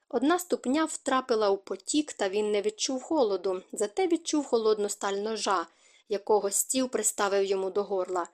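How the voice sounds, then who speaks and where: A woman narrating a fantasy novel as an audiobook in a steady, expressive reading. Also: mid-range voice. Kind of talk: scripted narration.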